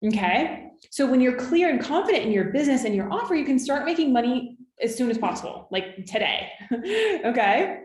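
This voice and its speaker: Speaking to camera in an echoey room, a Californian woman in her thirties coaches viewers on business, encouragingly tossing in "okay?" and "right?". Her voice is high-pitched and sing-song with a darkish tone, at a moderate pace.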